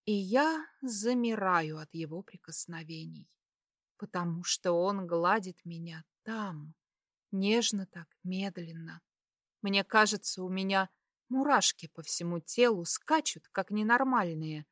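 A woman narrating a first-person romance audiobook in a slow, intimate, unhurried reading style. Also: mid-range voice, fairly bright tone, no echo, clean studio sound.

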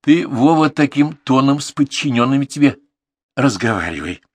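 A man's voice: medium pitch, lively intonation, moderate pace, no echo, pitched above the performer's own voice, natural voice. Man doing a coolly defiant young journalist. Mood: mocking. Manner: cool, mocking composure. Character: defiant young male journalist, calm and cocky.

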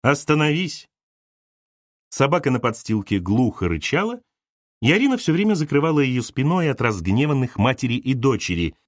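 A man narrating an audiobook in an expressive, animated way. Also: mid-range voice, fairly quick, no room sound, studio quality.

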